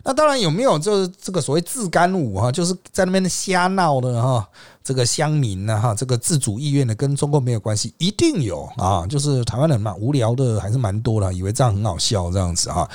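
A man hosting a podcast, delivering sarcastic political commentary full of rhetorical questions and drawn-out sentence-final particles. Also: medium pitch, expressive, darkish tone, no echo. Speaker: podcast host.

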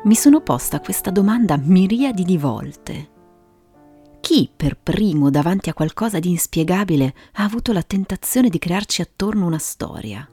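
A woman hosting and narrating a scripted story in a measured way, with dramatic pauses. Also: fairly low pitch, expressive, mellow, breathy edge. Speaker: host and narrator of a storytelling show. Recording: music behind the voice.

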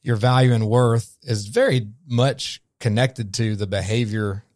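A coach from Memphis, USA, joins a podcast as a guest for a reflective conversation, speaking earnestly and thoughtfully and often restarting his sentences. His medium-pitched voice is a little slow and a little mellow, in studio-quality audio with no echo.

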